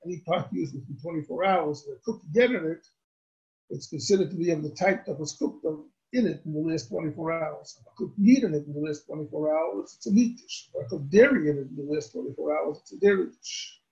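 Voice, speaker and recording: A man, a rabbi, answering questions on religious law in a deliberate, explanatory way and restating his points. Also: a little high, vocal fry, a little mellow. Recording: dull lo-fi recording.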